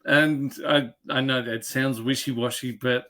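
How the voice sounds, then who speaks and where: A man's voice: medium pitch, fairly even intonation, unhurried, pushed and bright. A man with an Australian accent, hosting an interview on a video call, earnest and repeating words for emphasis. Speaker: interview host, head chef. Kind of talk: conversational interview.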